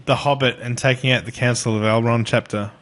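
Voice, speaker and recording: Easygoing podcast co-host. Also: male voice, medium pitch, fairly even intonation, a little fast, fairly bright tone, slight background noise. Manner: easygoing, hesitant with fillers. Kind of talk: casual chat.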